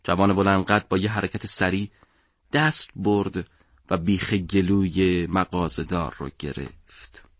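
Deep-voiced male story narrator. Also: fairly even intonation, dry recording, clean studio sound. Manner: measured, dramatic storytelling.

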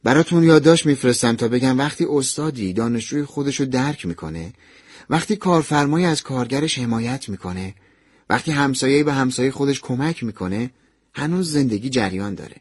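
Husky, expressive male storyteller. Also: medium pitch, dry recording, studio quality. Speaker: narrator reading a listener's letter. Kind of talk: dramatized radio narration.

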